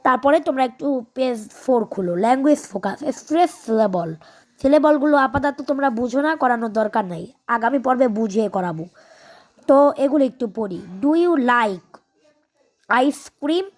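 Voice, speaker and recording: Lady teacher with a high voice, talks kids through a lesson, slow careful reading, lots of uhs. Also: expressive, a little mellow. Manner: slow, careful when reading English, hesitant with fillers. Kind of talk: recorded video lesson.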